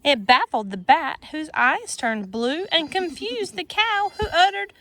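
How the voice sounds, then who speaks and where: With goats around her on a farm, a high-voiced woman reads a rhyming picture book aloud for children, a little slowly. She uses a lively sing-song delivery and breaks off for chatty asides.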